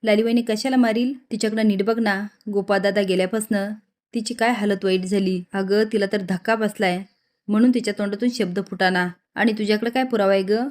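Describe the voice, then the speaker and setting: A woman's voice: mid-range voice, steady tone, fairly quick, a little mellow, natural voice. A woman voicing a scheming young village woman who defends her friend. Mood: defensive.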